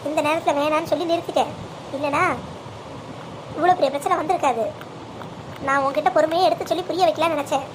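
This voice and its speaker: A woman voicing a calm middle-aged father who patiently talks his family round. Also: sits high, background noise, close to an everyday voice. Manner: soothing, persuasive, takes blame.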